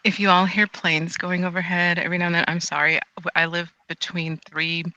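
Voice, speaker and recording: A woman's voice: on the low side, little pitch movement, a little fast, bright, forceful tone, no echo, highs cut off. A woman co-presenting an online talk from home in a chatty manner, often breaking into laughter. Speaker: co-presenter of a volunteer program talk.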